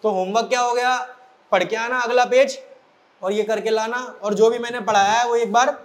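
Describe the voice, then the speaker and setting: A man's voice: very high-pitched, moderate pace. A man from central India, a science teacher telling a story to his students and turning it into a homework question. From Morena, central India. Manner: lively storytelling, addresses students directly. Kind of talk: storytelling lesson. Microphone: recording for an online class video.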